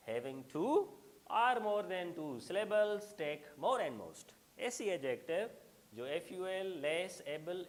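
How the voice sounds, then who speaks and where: A middle-aged man teaching an English grammar lesson, explaining patiently and calling his students "beta" as he works through examples. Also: on the high side.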